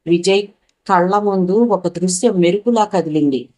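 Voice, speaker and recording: Female storyteller, steady measured narration, low register. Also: low-quality recording.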